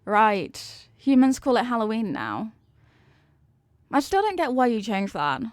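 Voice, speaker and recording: Here a woman plays a loving headless horsewoman girlfriend who, despite being centuries old, is bashful and clumsy. Her fairly high voice sits in a dry, close space as she rambles gently and affectionately in intimate ASMR-roleplay style, very animated yet unhurried.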